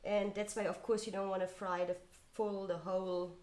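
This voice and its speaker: A woman's voice: medium pitch, flat delivery, moderate pace, a little mellow. A woman co-hosting a casual cooking livestream. She talks in a chatty way, often searching for words and using non-native phrasing. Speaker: cooking show co-host. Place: kitchen studio set. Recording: echoey room.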